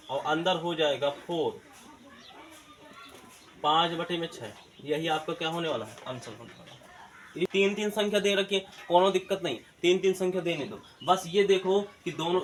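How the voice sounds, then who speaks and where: Chatty math teacher, tinge. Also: male voice, a little high, fairly bright tone, a little hiss or hum. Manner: rhetorical questions answered himself; colloquial eastern Hindi words. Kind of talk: classroom-style math lesson video.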